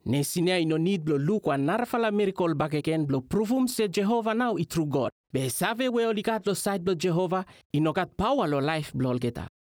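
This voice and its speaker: A man delivers a Bible teaching talk in a Melanesian pidgin accent from Vanuatu. His pitch moves in a lively, expressive way, and the sound is dry and close. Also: brisk, few pauses, no echo. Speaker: religious teacher.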